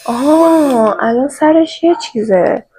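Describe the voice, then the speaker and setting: A woman's voice: high-pitched, mellow, low-quality recording. A woman from Iran chatting playfully to her viewers in a casual shopping haul vlog, recorded on her own microphone. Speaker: vlogger.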